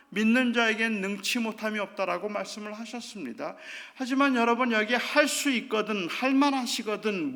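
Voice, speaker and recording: A middle-aged man, a pastor, giving a revival sermon. He asks the congregation rhetorical questions and moves between hushed asides and loud, emphatic quotations. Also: high voice, gravelly.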